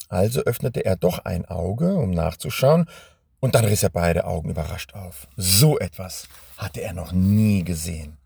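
Guy reading a kids story out loud, calm and expressive, husky voice, dry sound. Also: lowish voice, no echo. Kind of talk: read-aloud children's story.

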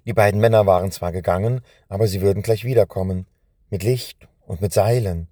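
A man narrating a scripted children's story in a calm, measured telling. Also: fairly low pitch, dry recording, clean studio sound.

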